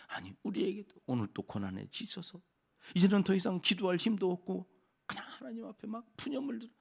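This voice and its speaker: Pastor, male, slightly high, gravelly voice; chatty dawn sermon, asks and answers himself. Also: a little mellow. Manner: conversational, asks the congregation questions and answers them. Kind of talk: early-morning sermon.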